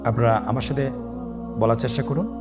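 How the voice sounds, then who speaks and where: Over background music, a man with a Bangladeshi accent teaches the Arabic letters for reading the Quran step by step. His mid-range voice moves fast, yet he stays calm and patient, stretching out each letter sound so listeners can repeat it.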